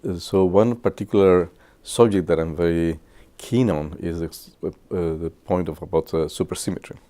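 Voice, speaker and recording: A Guatemalan physicist in his sixties reminisces to students in English, speaking haltingly with many filler pauses. His voice is low-pitched and warm.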